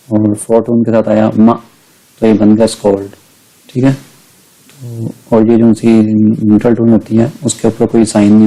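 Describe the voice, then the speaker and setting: Middle-aged male teacher, low and very dark voice, patient step-by-step explainer. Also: poor audio. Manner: patient, explains step by step and models each sound slowly. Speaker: language teacher. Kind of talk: recorded slide lecture.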